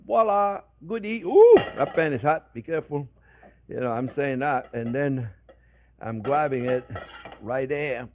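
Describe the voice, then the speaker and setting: An older man hosts a cooking show, chatting casually and animatedly with viewers, whom he warmly treats as friends, and often repeating short phrases as he demonstrates. His voice is mid-range and unhurried, with slight background noise.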